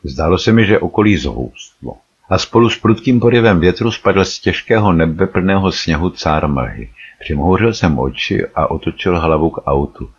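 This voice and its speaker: Very deep-voiced male audiobook narrator. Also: expressive, a little hiss or hum. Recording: slightly dull recording.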